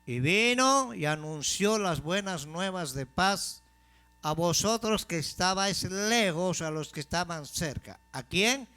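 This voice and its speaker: A man preaching a sermon as pastor, asking the congregation questions and slowing down to stress key phrases. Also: high voice, animated, sharp tone, smooth. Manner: call-and-response questions to the congregation.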